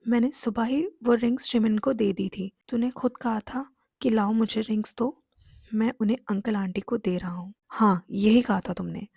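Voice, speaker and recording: A woman's voice: on the high side, moderate pace, creaky, a little mellow, slightly rough, dry recording, studio quality. A woman reading an anxious young man. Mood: insistent.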